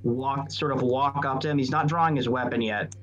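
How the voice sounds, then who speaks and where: A man's voice: medium pitch, steady tone, fairly quick, fairly bright tone, faint music behind. Man playing tabletop game, slightly dull mic. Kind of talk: casual game talk, describing character's actions.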